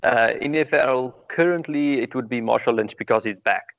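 A man's voice: medium pitch, fairly quick, gravelly, no echo, muffled recording. Earnest young South African man, dry sound. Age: young adult. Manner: earnest, repeats words, many ums and extremely. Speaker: guest. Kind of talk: casual interview.

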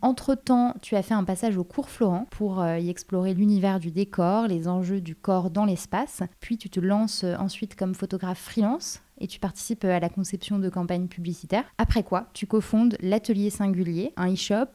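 A woman's voice: mid-range voice, moderate pace, hardly any pauses, warm tone. A woman hosting an interview, friendly, asking questions and reading out her guest's background. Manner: friendly, reads guest background with small laughs. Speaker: interviewer host. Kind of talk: podcast interview.

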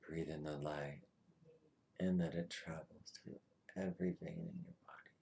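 A man leading a guided meditation with slow, soothing instructions, his voice often dropping to a soft whisper. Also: extremely low pitch, steady tone, gravelly.

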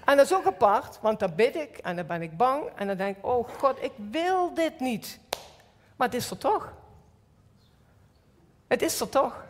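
Woman, Limburg Dutch accent, middle-aged, church sermon, somewhat high voice, long hall reverb. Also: normal speed, pauses often, slight background noise. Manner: personal, animated storytelling with acted inner voices. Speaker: church speaker.

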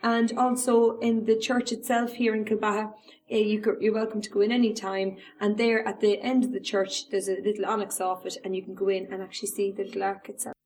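An Irish woman shares a piece of local history in an informal storytelling way. Her voice sits at a middle pitch, and she pauses and hesitates as she finds her words. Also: flat delivery, a little mellow, rough recording.

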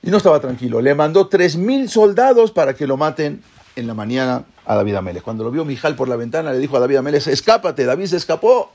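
A man teaching a Torah class, retelling the story in a lively way and acting out the characters' voices. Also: fairly high pitch, quick pace. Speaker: religious teacher.

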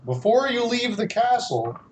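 A man's voice: extremely high pitch, sing-song, measured pace, slight background noise, voice pushed up, exaggerated voice, rough recording. Man putting on a sing-song, folksy old dwarf. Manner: bright sing-song theme-park welcome. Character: cheery folksy old male dwarf prospector. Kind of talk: tabletop role-play.

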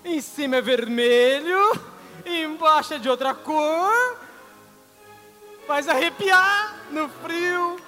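Brief: man as a proud, clueless husband in a church skit, exclamatory, with clear music playing behind. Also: very high-pitched, slow, sharp tone, full character voice. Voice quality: boastful, exclamatory. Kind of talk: amateur stage skit.

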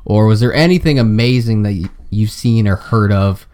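Man, podcast host, low voice, mellow tone, casual questions. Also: normal speed, clear, resonant tone.

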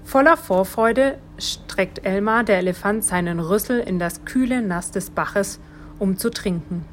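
A woman volunteer reading a children's story aloud, calm and gentle. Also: medium pitch, slight background noise.

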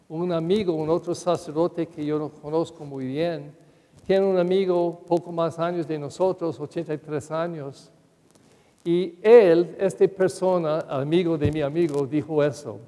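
An older man preaches a Sunday homily as parish priest, telling anecdotes at an unhurried pace. His voice sits fairly high and sounds mellow and soft-edged. A long church reverb trails each phrase.

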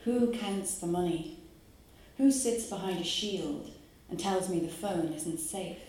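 In a very echoey live venue, an Irish woman from Dublin talks through her poetry with thoughtful fillers between phrases before reading it. Her voice is lowish and darkish in tone, with slight background noise.

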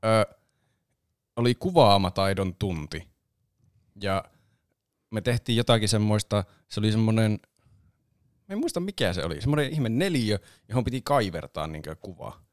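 A Finnish man co-hosting a live stream, wry and halting as he tells a story. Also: on the low side, sing-song, dry recording, studio quality. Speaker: podcast co-host.

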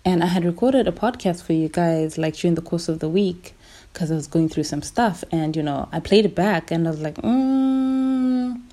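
A woman's voice: low-pitched, a little fast, warm tone. A young woman, hosting a podcast as a casual, candid, conversational personal monologue. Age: young adult. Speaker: podcast host.

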